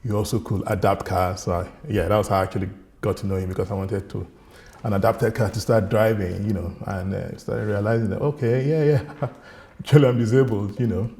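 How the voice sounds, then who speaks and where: A middle-aged Nigerian man whose first language is Yoruba speaks in a low, mellow, steady voice about personal matters. He is earnest and reflective, often pausing and restarting.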